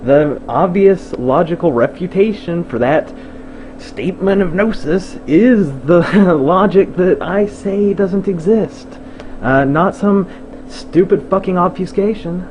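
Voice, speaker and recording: A man's voice: high voice, takes it slowly, a little mellow, a little hiss or hum, poor audio. A man in a debate video, dismissive and crude, cursing at his opponent. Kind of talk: argumentative rebuttal video.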